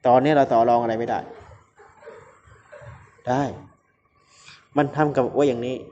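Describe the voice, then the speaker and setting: An older male crime boss barks at his men in clipped Chinese-flavored slang, as a male narrator voices him. The tone is mellow and low-key even when he rages. The recording is muffled, with faint hiss behind. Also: unhurried, close to an everyday voice. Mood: scheming. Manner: scolding, heavy Chinese-Thai slang.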